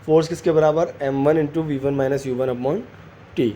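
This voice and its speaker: A man's voice: a little high, fairly even intonation, mellow, muffled recording, slight background noise. A man teaching a physics lesson, mixing Hindi and English and often asking his students whether they follow. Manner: asks students quick check questions, calls them beta.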